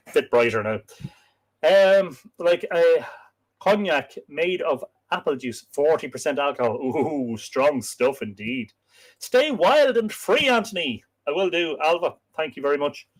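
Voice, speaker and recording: An Irish man with a fairly high-pitched voice hosts a casual live stream of myths, telling stories with a lilting delivery and chatting through viewer comments. The audio quality is poor.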